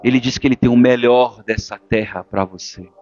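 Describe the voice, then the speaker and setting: A man preaching a sermon as a pastor, swinging between forceful exhortation and hushed, intimate speech. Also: medium pitch, fairly even intonation, normal speed. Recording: dull lo-fi church recording with faint music.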